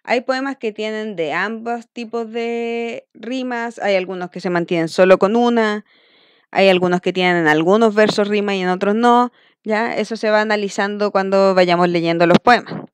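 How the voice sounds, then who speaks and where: Smooth-voiced woman teaching a class. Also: medium pitch, normal speed, no echo. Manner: explains step by step, checking in with frequent "¿ya?". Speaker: school language teacher. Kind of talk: recorded online lesson.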